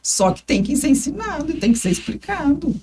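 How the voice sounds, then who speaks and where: A woman's voice: sits high, fairly quick, a crowd in the background. A Brazilian woman co-hosting a podcast, speaking casually and with emphasis. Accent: Brazilian Portuguese. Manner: expressive, emphatic, many agreeing murmurs. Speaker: podcast co-host.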